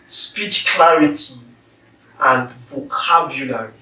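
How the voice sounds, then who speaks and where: A man teaching public speaking in a slow, deliberate lecture, carefully stressing syllables as he demonstrates words. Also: a little high, pushed and bright. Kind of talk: instructional lecture. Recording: echoey room, somewhat far from the mic.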